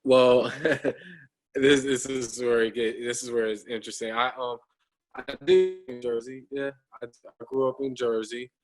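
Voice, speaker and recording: A man's voice: medium pitch, unhurried, faint music behind, rough recording. A man in his thirties, a guest talking casually over a video call, hesitant, with many ums and restarts. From United States. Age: 30s.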